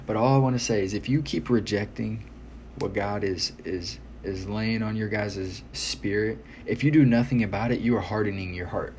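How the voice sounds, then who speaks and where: Guy preaching kinda casual but earnest, lowish voice, repeats himself to drive it home, bit of noise behind. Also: moderate pace, a little mellow. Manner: earnest, exhorting, repeats phrases for emphasis. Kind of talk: informal sermon to listeners. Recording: noticeable background noise.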